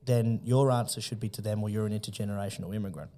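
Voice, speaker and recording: A low-voiced man from Australia speaks as a podcast guest. His tone is mellow and dark, and he talks earnestly, stumbling and restarting his sentences. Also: fairly even intonation. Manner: earnest, halting, repeats words. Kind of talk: casual podcast conversation.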